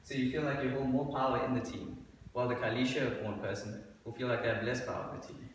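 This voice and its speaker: Picked up by a distant room mic in an echoey, dim lecture hall, a young student presenter talks fast and flatly at medium pitch. He hesitates with fillers and restarts, and there's slight background noise.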